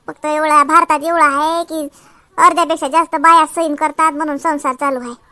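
A woman playing a very high-voiced long-suffering aunt. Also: steady tone, fairly quick, bright, forceful tone, dry recording. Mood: resigned. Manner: pleading, preachy about endurance. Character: middle-aged long-suffering aunt, a patient wife. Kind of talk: comedy skit acting.

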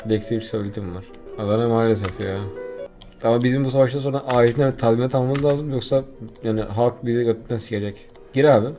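A man's voice: medium pitch, fast, dark tone, soft background music. A young man giving casual, swearing commentary while playing a strategy game and talking back to the units on screen. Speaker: gameplay streamer.

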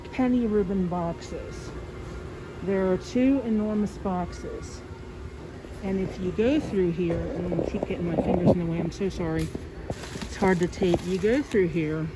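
A woman giving a casual, chatty vlog tour of a store, her voice muffled by a face mask as she walks around filming. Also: mid-range voice. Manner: chatty, apologetic, speaking while walking around filming. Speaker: shopper hosting a store tour video. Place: inside a large store. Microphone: handheld phone camera. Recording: noisy store ambience, phone recording.

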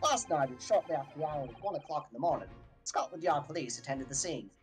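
Woman doing a low, blustering male police inspector. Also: lively intonation, fast, faint music behind. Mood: mock-humble. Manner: curt, blustering, mock-humble. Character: gruff, sarcastic middle-aged male British police inspector. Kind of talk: amateur voiced read-through of a game.

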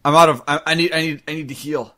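Excitable young male gamer, bright voice. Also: quick pace. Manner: excitable, voice cracks high when panicking. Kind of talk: excited gaming commentary.

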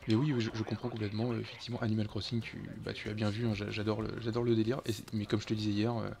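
A man's voice: fairly low pitch, level tone, very fast, creaky, darkish tone. A man streaming a co-op game, chatting casually and swearing when things go wrong. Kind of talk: casual gaming chat.

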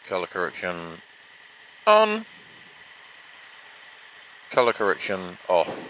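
Speaking slowly in a low voice whose pitch swoops wildly, with a fairly bright tone, a man reviews action cameras while riding his motorbike outdoors. He rambles casually and self-deprecatingly inside his helmet, where a foam-fluffed mic captures noisy wind and vehicle sound.

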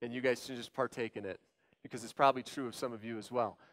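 A male pastor preaching a sermon, emphatic, swinging between quiet asides and loud, pleading declarations. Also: medium pitch, fairly even intonation, quick pace. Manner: emphatic, acting out quoted voices. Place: church sanctuary.

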